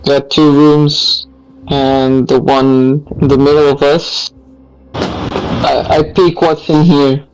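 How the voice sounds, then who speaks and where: A man's voice: fairly high pitch, flat delivery, slow, noisy background. A man playing in a tabletop game, hesitant and often repeating his words. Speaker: player. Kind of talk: casual tabletop play.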